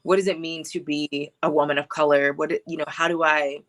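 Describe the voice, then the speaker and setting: A filmmaker in her thirties, born in Hawaii and raised in Texas, is the guest on a talk show, recounting her life story casually and reflectively. Her voice is deep yet bright, with little pitch movement and a slightly fast pace, and she laughs easily and uses fillers.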